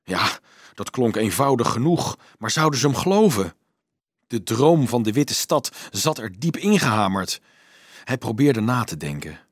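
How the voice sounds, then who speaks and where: A man narrating a storybook as an audiobook, reading in a measured, even way. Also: lowish voice, husky, no room sound, studio quality.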